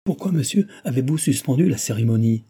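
A man's voice: medium pitch, normal speed, warm tone, husky, lightly acted. A man reading aloud and voicing a young bridegroom who pleads and cries out in desperation. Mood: desperate. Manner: raised, urgent outcries.

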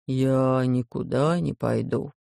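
A man doing a dazed, slow old sage. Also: mid-range voice, steady tone, vocal fry, warm tone, no echo, studio quality, voice pushed down. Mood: vacant. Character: memory-wiped old male sage, dazed and vacant.

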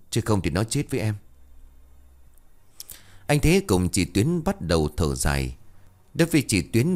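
A man's voice: low-pitched, darkish tone. A man narrating a ghost story in a dramatic storytelling manner.

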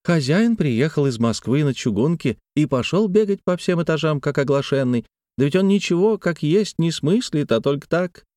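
A man's voice: fairly high pitch, expressive, moderate pace, hardly any pauses, darkish tone, no echo, clean studio sound, pitched above the performer's own voice, natural voice. A man reading a chatty, folksy serving woman's gossip in a sing-song manner. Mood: gossipy.

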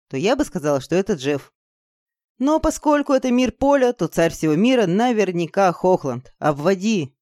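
A woman's voice: mid-range voice, darkish tone, no echo, studio quality, natural voice. A woman voicing a bold, reckless young heroine in an audiobook, who gives orders in a brash, commanding way.

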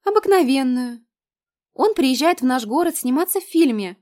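A woman's voice: expressive, normal speed, darkish tone. Woman putting on a bubbly lovestruck young woman. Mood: pleading. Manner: gushing, high and breathy when swooning.

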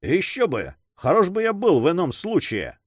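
A man voicing a cheerful, calm buccaneer friend in a read-aloud adventure story. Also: high-pitched, normal speed, dry recording, studio quality, pitched above the performer's own voice, heavily acted. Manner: cheerful, easygoing.

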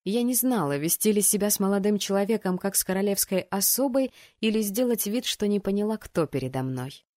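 A woman narrating a first-person fantasy story aloud, acting out the characters' lines with lively changes of voice. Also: fairly quick, few pauses, dry recording, studio quality. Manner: voices the rowdy students' shouts with bursts of pitch and volume. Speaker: audiobook narrator.

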